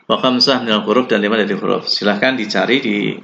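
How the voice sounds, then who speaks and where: A man with an Indonesian accent teaching an Arabic lesson, reading Arabic phrases and explaining them slowly. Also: on the low side, steady tone, vocal fry, a bit bright, slight background noise. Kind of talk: recorded online lesson. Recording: dull lo-fi recording.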